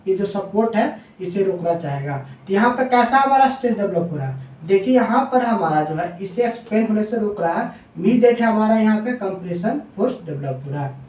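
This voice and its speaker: A man teaching engineering in a classroom lecture. He asks questions and answers them himself, drops lower on the answers, and slows down when dictating formulas. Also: animated, darkish tone, distant mic. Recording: echoey room, voice off-mic.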